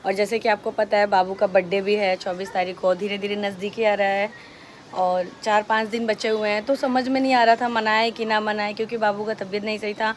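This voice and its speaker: A woman's voice: medium pitch, flat delivery, brisk, slight background noise. A woman chatting casually to her viewers in a home vlog, walking through her day at home, now and then turning to her small child. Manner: chatty, narrates her day to viewers, switches to sing-song baby talk with her child. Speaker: home vlogger and mother. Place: home indoors.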